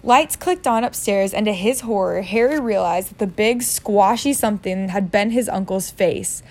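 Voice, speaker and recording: A woman's voice: mid-range voice, normal speed. A woman reading a novel aloud in a casual way, joking about her own misreadings. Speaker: reader.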